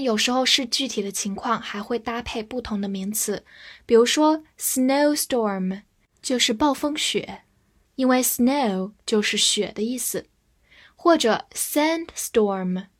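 A woman's voice: fairly high pitch, a bit bright. A woman teaching English vocabulary in a scripted lesson, spelling each word out letter by letter. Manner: slow, spells words letter by letter.

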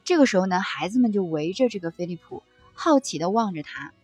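Soft husky woman reading a book aloud. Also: medium pitch, animated, brisk, dry recording, faint music behind. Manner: gentle, conversational, with frequent soft fillers. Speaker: book-sharing presenter.

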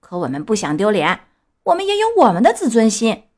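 A woman voicing a gang of rude, mocking schoolboys in a storybook reading, shrill, jeering and shouty. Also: huge pitch swings, fairly quick.

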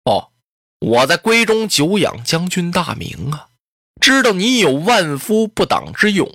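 A storyteller voicing a tearful young beauty who pleads slowly with her lover, in traditional Chinese storytelling. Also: mid-range voice, a bit bright, dry recording, clean studio sound, exaggerated voice. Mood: hurt reproach. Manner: weeping, drawn-out pleading speech.

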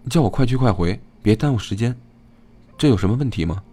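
A man's voice: fairly low pitch, animated, fast, dark tone, faint music behind, voice pushed up. A man voicing an earnest young man who sounds hesitant and embarrassed.

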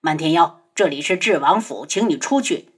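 A woman's voice: takes it slowly, a bit bright, breathy edge, full character voice. A woman voicing a stern young man, a prince who speaks coldly and curtly. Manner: cold, clipped and lowered. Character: stern young male prince, cold and protective.

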